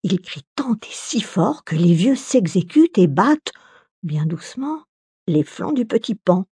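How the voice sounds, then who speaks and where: A woman reading a fairy tale aloud in an expressive storybook manner. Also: medium pitch, breathy edge, no echo. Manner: expressive, slow storybook delivery.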